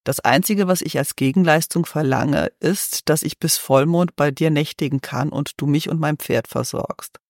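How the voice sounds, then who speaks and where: A man voicing a disguised sultan who speaks calmly, kindly and with quiet determination, in a storybook reading. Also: a little high, moderate pace, vocal fry, hardly any pauses, no room sound, clean studio sound. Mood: assured. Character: disguised young sultan, calm, kind, determined.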